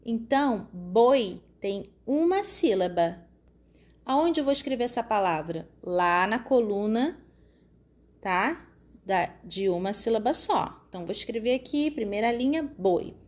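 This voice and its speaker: Slow, patient woman teacher. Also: a little high, expressive, a little mellow. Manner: slow, patient explaining with frequent "tá?" and "né?" checks; stretches out words when sounding out syllables. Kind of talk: recorded classroom lesson for children.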